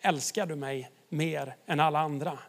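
A man preaching, voicing Jesus in a quiet, solemn tone, in a sermon retelling. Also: a little high, fairly even intonation, voice pushed down. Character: calm, gentle man, Jesus.

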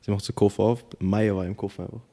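A man's voice: lowish voice, steady tone, quick pace, mellow. A young man co-hosting a podcast, telling stories in slangy, rambling casual chat. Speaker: podcast co-host.

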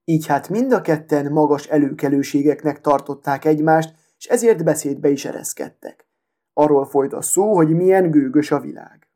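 Storyteller reading a fairy tale: a man with a fairly high, mellow voice and a calm, measured delivery.

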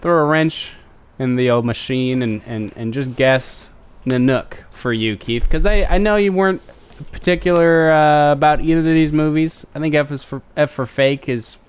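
A man's voice: on the high side, moderate pace, clear, resonant tone. A man co-hosting a casual movie podcast, chatty, laughing often and restarting his sentences. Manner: chatty, laughs between lines, repeats words when starting. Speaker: podcast co-host. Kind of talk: casual film chat.

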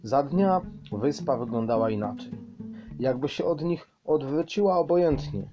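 Male storybook narrator, measured, over guitar. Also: a little high, muffled recording. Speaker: audiobook narrator. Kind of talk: storybook reading.

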